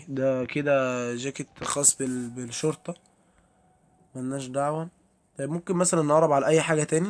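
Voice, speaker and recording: A young man with an Egyptian Arabic accent giving chatty commentary while playing a horror game and talking to his viewers. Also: mid-range voice. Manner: chatty, addresses viewers, easily startled. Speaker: gameplay streamer.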